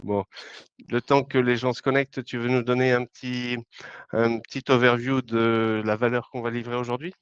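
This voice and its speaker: A man hosting a webinar on a video call, casual and halting, with many fillers. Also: medium pitch, flat delivery, clean tone, dry recording. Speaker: webinar host. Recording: dull lo-fi call audio.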